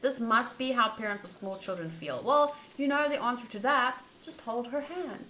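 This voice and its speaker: While streaming a visual novel, a woman reads aloud and chats casually by turns. Her bright, crisp-edged voice is a little high and moves at a moderate pace, heard in a roomy, echoey space with faint background noise.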